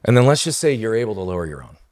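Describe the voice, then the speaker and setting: A man with a very low, deep voice talks as a podcast guest. He tells his story with emphasis and keeps checking in with his listeners. The recording is dry and close, with no room sound. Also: very animated, very fast, darkish tone, no echo. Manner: emphatic, tags points with "right?". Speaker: guest speaker. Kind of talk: podcast interview, personal storytelling.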